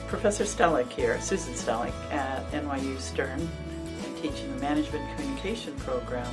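An older woman professor speaks in a warm, proud way from an office lined with bookshelves. Her voice is very low for a woman. Loud music plays beneath her in the video clip. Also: brisk. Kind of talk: interview in a promotional video.

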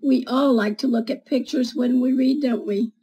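Speaking to schoolchildren, a storyteller in her seventies reads a picture book aloud at a deliberate pace, gently questioning them about the illustrations. Her voice sits high and sounds husky, with a steady tone. She's recorded by a webcam at desk distance in a small indoor room with bookshelves.

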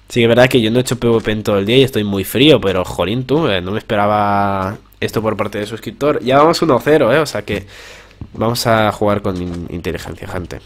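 A young man from giving excited, tense gameplay commentary and repeating words rapidly. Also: on the low side. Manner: tense, repeats words fast under pressure. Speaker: gaming youtuber.

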